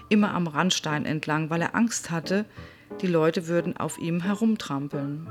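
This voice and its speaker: A woman reading a children's story aloud with expressive storybook narration. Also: lowish voice.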